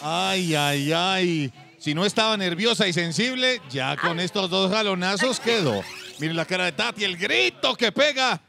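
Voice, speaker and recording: A man hosting a TV game show, excitable and exclamatory, talking to the viewers at home. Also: high-pitched, normal speed, gravelly, a little hiss or hum.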